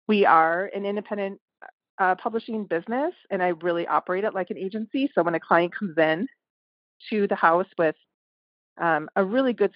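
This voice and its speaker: On a casual podcast, a female publishing house head speaks as a guest, thoughtful and conversational, dropping in the odd filler. Her voice runs on the low side, captured in a dry recording with the highs cut off.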